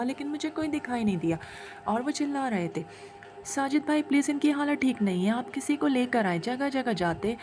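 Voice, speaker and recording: A woman's voice: sits high, a little mellow. A woman narrating a horror story in an anxious, fearful manner, voicing several of its characters herself.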